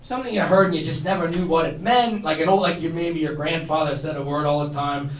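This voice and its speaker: A man, co-hosting a live question-and-answer show, joking and laughing with the crowd. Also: on the high side. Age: 30s. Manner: laughing, teasing, quick asides. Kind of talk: joking banter with an audience. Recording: echoey room, mic at a distance.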